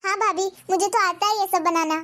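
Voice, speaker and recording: A woman voicing a kind, dutiful young student in a Hindi cartoon, gentle and reassuring. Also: very high voice, fairly even intonation, brisk.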